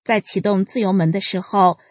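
Husky woman reading an article aloud. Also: medium pitch, no echo. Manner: measured, even announcer-like delivery. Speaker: reader of published articles. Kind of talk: scripted reading.

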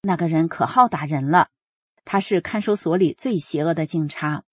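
Husky woman reading a personal account. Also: low voice, normal speed, dry recording. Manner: steady, earnest storytelling with quoted dialogue. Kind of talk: first-person narration read aloud.

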